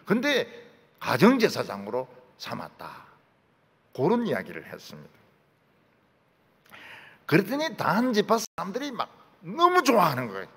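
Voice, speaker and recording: A man from Busan with a Gyeongsang accent, preaching a sermon and acting out dialect lines in lively storytelling. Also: sits high, normal speed, long pauses, breathy edge. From Busan, South Korea. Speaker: pastor. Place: large church sanctuary. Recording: long church hall reverb.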